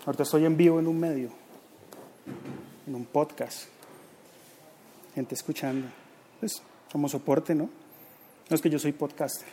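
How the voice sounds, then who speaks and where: A man's voice: a little high, fairly even intonation, moderate pace, long pauses, dark tone, a little hiss or hum. Chatty Bogotá-accented man podcaster. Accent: Bogotá Colombian. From Colombia. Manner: chatty, reads viewer comments aloud. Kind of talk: live podcast chat. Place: company office.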